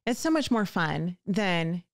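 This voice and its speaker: Woman, 40s, podcast host, friendly chatty interview, slightly low voice, home office. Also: big pitch swings, unhurried, background noise. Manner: friendly, chatty, agreeing often. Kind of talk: casual interview chat. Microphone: studio mic on arm, close.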